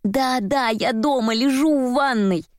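A woman reading a story aloud voices a sharp-tongued heroine trapped in a bath, speaking urgently and with exasperation. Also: sits high, unhurried, no echo, studio quality, voice pushed up. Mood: impatient.

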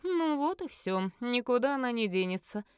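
A woman voicing a calm, condescending middle-aged male inquisitor and father in an audiobook, speaking slowly. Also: on the high side, smooth, no room sound, studio quality, pitched above the performer's own voice, close to an everyday voice. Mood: smug.

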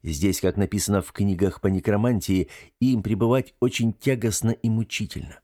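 A man's voice: on the low side, fairly even intonation, normal speed, dark tone, no echo, clean studio sound, natural voice. A man voicing a young man in an audiobook, teasing and dramatic. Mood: pondering.

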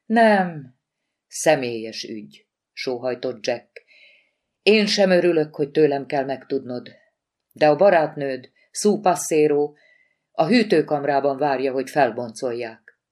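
A woman reading an audiobook voices a wry, apologetic male pathologist with a lowered, sighing delivery. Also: animated, darkish tone. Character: exasperated male forensic pathologist husband, wry.

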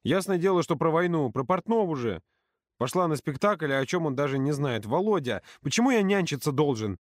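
A man's voice: a little high, expressive, fairly quick, no echo, clean studio sound, voice pushed up, natural voice. Yura, a man doing an indignant teenage boy. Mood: snapping. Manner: indignant protesting. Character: teen boy Yura, indignant, hot-tempered.

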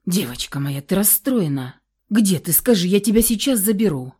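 A woman's voice: expressive, moderate pace, warm tone. A woman reading an urgent, worried lover. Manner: urgent, then low and hoarse. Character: anxious loving lover, grown man, urgent. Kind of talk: audiobook character reading.

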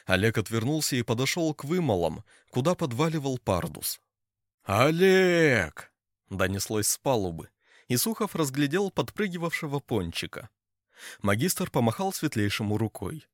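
A man narrating an audiobook with an expressive delivery. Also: medium pitch, moderate pace, no echo, clean studio sound. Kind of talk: scripted narration.

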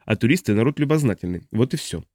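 A man's voice: medium pitch, expressive, fast talker, darkish tone, no room sound, clean studio sound, lightly acted. A man voicing a stubborn, guarded traveler who refuses to give answers. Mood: defiant.

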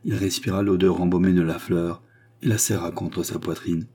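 Low husky male audiobook narrator. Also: steady tone, moderate pace, dark tone. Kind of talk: scripted narration of a classic novel.

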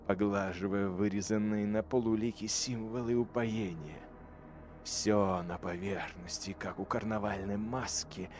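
A man giving dramatic audiobook narration of a dark war story, swelling his voice on the violent passages. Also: fairly low pitch.

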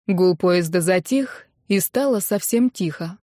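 A woman reading a novel aloud as an audiobook narrator, with a measured, even delivery. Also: fairly low pitch, no echo, studio quality. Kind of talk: scripted narration.

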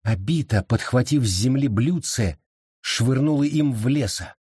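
A man narrating an audiobook in a steady, measured reading voice. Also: mid-range voice, breathy edge, no echo, clean studio sound. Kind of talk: scripted narration.

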